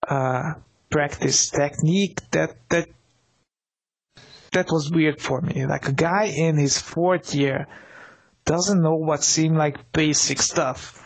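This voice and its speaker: A man co-hosting a casual sports talk show, his voice sitting a little high for a man. He rambles, circling back with fillers and restarts as he works through his thoughts. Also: fairly even intonation, slow pace, vocal fry. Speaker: podcast co-host.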